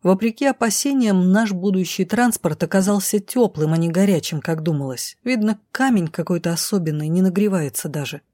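A woman's voice: on the low side, fairly quick, hardly any pauses, mellow, no room sound, studio quality. A woman reading a dramatic fantasy audiobook in the first person, tense and urgent, and voicing the characters' lines herself. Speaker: audiobook narrator.

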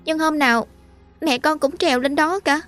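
A woman's voice: high-pitched, normal speed, a bit bright, faint music behind, voice pushed up. A woman voicing a frightened young boy who stammers and repeats his words. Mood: scared.

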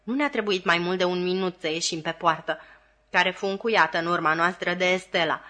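A woman narrating a classic novel as an audiobook reader, measured and expressive. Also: on the low side.

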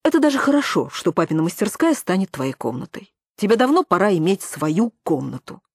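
A woman's voice: mid-range voice, very animated, brisk, husky, no room sound, clean studio sound. A woman voicing a tired young man lecturing his younger sister in an audiobook reading. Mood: weary. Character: weary young man, the patronizing older brother.

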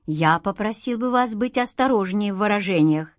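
A woman reading an audiobook, voicing a stern older man who speaks low, slow and curtly. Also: animated, no room sound, clean studio sound. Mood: restrained.

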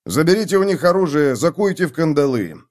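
A man voicing a gruff city guard sergeant who speaks curtly and mocks his prisoners. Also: on the high side, sing-song, quick pace, a little mellow, pitched above the performer's own voice. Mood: mocking. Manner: curt, growling, mocking. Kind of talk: audiobook character voice.

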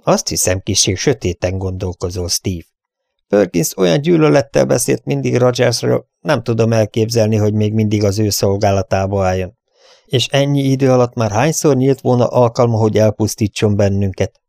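Male reader doing a doubtful older ranch hand: gravelly, questioning, dry close sound. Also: lowish voice, warm tone, no room sound. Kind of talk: audiobook character voice.

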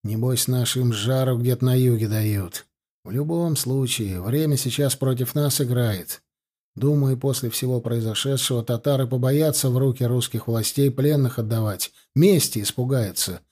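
A man's voice: mid-range voice, normal speed, mellow, lightly acted. A man voicing a resourceful male soldier who speaks in a plain, grumbling way, close to his own voice. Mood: grim.

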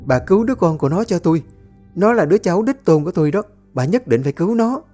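A storyteller voicing a cruel, domineering older mother-in-law who scolds and shouts. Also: mid-range voice, expressive, fast talker, soft background music, pitched above the performer's own voice, lightly acted. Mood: furious.

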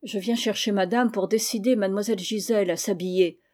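A woman's voice: medium pitch, fairly even intonation, fairly quick, dark tone, lightly acted. A woman reading a put-upon nursemaid. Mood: exasperated. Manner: deferential and exasperated. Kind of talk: audiobook reading of a classic novel.

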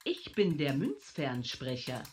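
A woman voicing a talking coin payphone in a radio play, curt and officious, with a distant quiet payphone sound. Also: extremely low pitch, wildly swooping pitch, slight background noise, heavily acted. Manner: curt, officious, slow commands.

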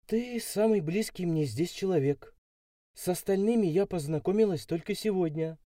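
A man voicing a young blonde city girl who takes everything literally, in a high girlish voice for an audiobook. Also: normal speed, mellow, no echo, clean studio sound, lightly acted. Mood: pouty. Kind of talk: audiobook reading.

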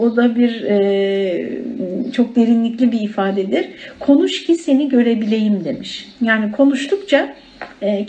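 A woman's voice: high-pitched, warm tone, low-quality recording. A woman teaching a religious study circle in a conversational way, often turning to her listeners as friends. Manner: conversational, addresses listeners as friends, many fillers.

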